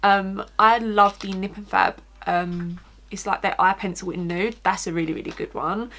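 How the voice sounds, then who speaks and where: A woman with an Essex accent chats through a makeup tutorial in a casual, informal way. Her voice sits at a medium pitch. She talks like a beauty vlogger, loosely and conversationally, peppering her sentences with "like". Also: fairly even intonation, moderate pace, fairly bright tone. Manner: informal, chatty, frequent "like".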